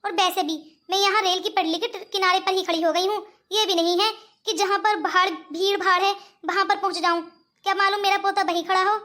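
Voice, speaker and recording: Woman doing a high, bright-voiced scheming cartoon granny, coaxing. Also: fairly even intonation, brisk. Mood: musing. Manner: coaxing, calls others 'beta'. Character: scheming rich old grandmother. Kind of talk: cartoon voice acting.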